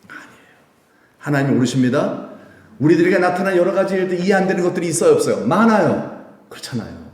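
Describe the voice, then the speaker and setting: A man's voice: medium pitch, a little mellow. A male pastor preaching a midweek prayer service sermon, asking the congregation rhetorical questions and acting out quoted prayers. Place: church sanctuary. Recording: echoey church room.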